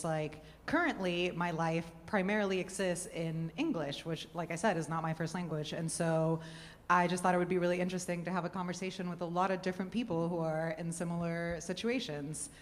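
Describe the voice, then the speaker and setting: A woman from Rico, moderating a panel in a chatty, relaxed way. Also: lowish voice. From Puerto Rico. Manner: chatty, relaxed, with filler words. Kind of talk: casual panel talk. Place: conference venue hall. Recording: long hall reverb.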